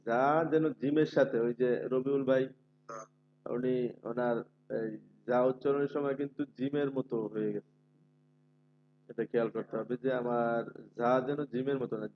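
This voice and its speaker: A Quran recitation teacher with a mid-range voice runs an online class, patiently stretching out each letter sound and repeating it for his students. The audio is slightly muffled, with a faint hum beneath it.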